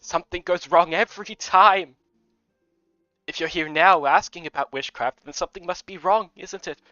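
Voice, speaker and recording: A man voicing an older head housemaiden woman with a slight Scottish accent, soft and pleading, reading a game aloud. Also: high-pitched, moderate pace, dry recording, soft background music. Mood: sorrowful. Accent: slight Scottish put-on. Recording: dull lo-fi recording.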